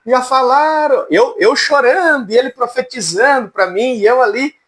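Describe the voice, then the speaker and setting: A man with a strikingly high, cracked voice leads a relaxed church class. He jokes along in a folksy way and keeps calling on students by name. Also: normal speed. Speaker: Bible teacher. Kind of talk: informal church class lecture.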